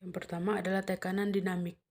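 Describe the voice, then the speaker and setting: A young woman gives a lesson at an ordinary mid pitch, walking through each point in order. She sounds a little read-aloud and methodical, now and then stumbling over a word and starting it again. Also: fast talker. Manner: steady, methodical, with occasional slips and restarts. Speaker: teacher presenting a lesson. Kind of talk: explanatory lesson, partly read.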